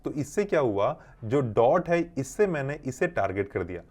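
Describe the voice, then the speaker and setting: A man's voice: mid-range voice, very animated, moderate pace, a little mellow. Man explaining code step by step. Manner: explains step by step, often asks if it is clear. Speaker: coding teacher. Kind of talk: screen-recorded coding lesson.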